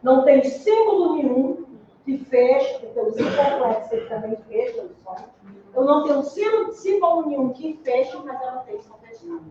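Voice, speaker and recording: A woman's voice: high-pitched, animated, normal speed, dark tone, slight background noise. A woman teaching Portuguese in an exam-prep lecture, explaining step by step and checking in with her students. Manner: explains step by step, asks "né?" and "entendeu?". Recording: echoey room, distant dull mic.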